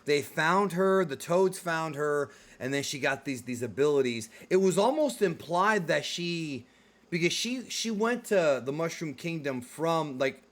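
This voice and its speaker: Here the same kind of host, a man whose voice is slightly high and a bit bright, delivers casual, excited video commentary on movies and games. He's emphatic and addresses viewers directly, with lively intonation and a measured pace.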